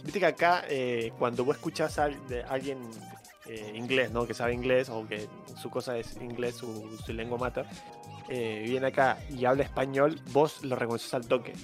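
A man's voice: medium pitch, steady tone, normal speed, over music. Rambling young Argentine man, mid voice. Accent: Argentine Spanish. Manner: rambling, hedging with eh and digamos. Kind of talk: casual chat.

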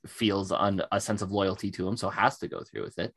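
A man's voice: sits low, steady tone, a little fast, fairly bright tone, slightly rough. A man co-hosting a casual chat podcast, rambling with lots of fillers and self-deprecating enthusiasm. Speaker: podcast co-host.

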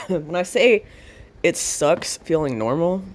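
A woman's voice: fairly low pitch, sing-song. A woman talking close into a handheld voice recorder for her audio diary, rambling and swearing freely. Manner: rambling, profane, slow with long pauses. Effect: handheld voice recorder held to the mouth. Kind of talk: casual spoken audio diary.

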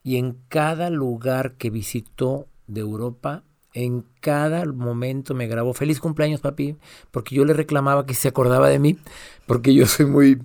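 A man's voice: mid-range voice, steady tone, moderate pace, vocal fry, a little mellow. A middle-aged man, a father talking tenderly on a podcast and acting out phone calls. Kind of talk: emotional podcast chat.

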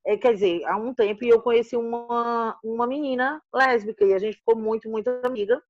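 A woman in her fifties with a Ceará accent, telling her life story in a casual interview, animated and acting out the voices of the people she quotes. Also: on the high side, brisk, dry recording, muffled recording. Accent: Northeastern Brazilian, from Ceará. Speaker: interviewee, mother and activist.

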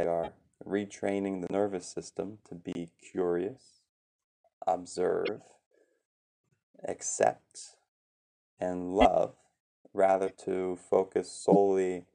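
A man leading a meditation session in a calm, gentle teaching voice with some fillers. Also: deep voice, slow pace, gravelly, long pauses. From USA. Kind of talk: calm guided meditation talk.

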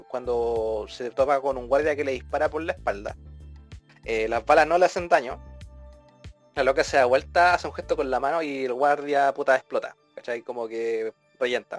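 A man with a Chilean accent co-hosting a podcast, telling stories in lively, slang-heavy casual chat. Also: mid-range voice. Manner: animated storytelling full of slang, acting out scenes. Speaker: podcast co-host.

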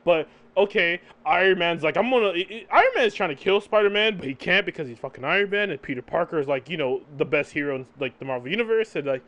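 A man's voice: on the high side, animated, fast, hardly any pauses, fairly bright tone, lo-fi sound. A man co-hosting a podcast, chatting casually about comic books and tagging his points with "right?". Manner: tags sentences with "right?"; laughs often between points. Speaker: podcast co-host. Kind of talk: casual comic book discussion.

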